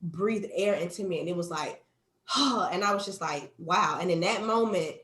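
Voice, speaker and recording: A woman in her thirties, a podcast co-host, telling a heartfelt personal story in casual chat, animated and quick to laugh. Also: lowish voice, roomy sound. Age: 30s. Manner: animated, quotes herself and her son, laughs often.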